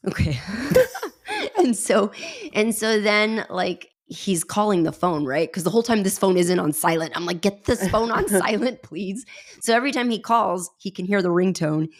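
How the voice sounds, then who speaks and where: A woman's voice: medium pitch, normal speed. A woman co-hosting a podcast, retelling a film scene in casual chat, so moved that she nearly cries. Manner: emotional retelling, voice catching near tears. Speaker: podcast co-host.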